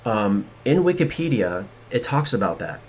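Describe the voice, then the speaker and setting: A man's voice: fairly low pitch, sing-song, normal speed, a little mellow, slight background noise. A man hosting a podcast, talking in a casual, rambling way with many restarts and fillers. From United States. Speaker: podcast host.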